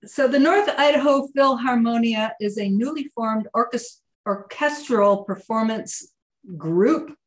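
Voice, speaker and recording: A woman's voice: on the high side, unhurried. A woman hosting an interview on a video call, introducing her guests in a friendly, upbeat way. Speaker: interviewer host.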